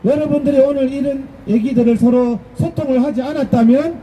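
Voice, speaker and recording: Very high-voiced man giving a fiery speech. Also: fairly even intonation, a little fast, a little hiss or hum, rough recording. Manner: combative, rhetorical, rising to shouts. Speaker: political rally speaker. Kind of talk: impassioned political speech to a gathering. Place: public gathering with a live audience.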